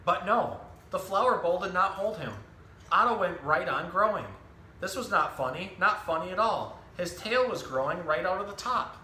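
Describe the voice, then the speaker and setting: A zookeeper hosts an educational animal storytime, explaining simply and reading a children's picture book in a casual talk for kids. His high-pitched, animated voice moves at normal speed and sounds pushed and bright. The recording has roomy echo and some background noise.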